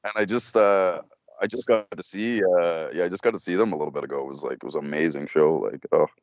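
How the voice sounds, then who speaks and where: A young man who sings in a metal band answers interview questions casually, with a low voice and a quick pace. He rambles, using lots of fillers and restarting his sentences. The recording is lo-fi with no echo.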